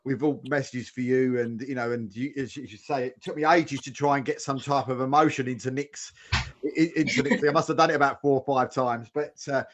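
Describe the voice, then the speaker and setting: Bloke hosting a chat show, talks fast, gushes, mid pitch voice. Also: male voice, steady tone, lo-fi sound. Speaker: show host. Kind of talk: casual chat.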